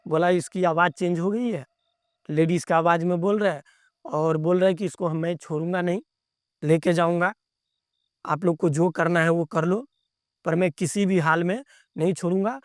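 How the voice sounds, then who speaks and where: A man with a high-pitched voice recounts an experience of his own as a podcast guest. He talks in a plain, chatty way and keeps circling back to repeat his phrases. The sound is dry and close, with no room echo. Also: steady tone, normal speed. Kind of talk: casual first-person storytelling.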